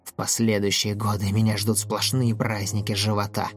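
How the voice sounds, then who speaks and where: A man voicing a dying, cruel female manticore in a storybook, with a hoarse, wheezing voice and a slow, gloating drawl. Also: on the low side, level tone. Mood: menacing.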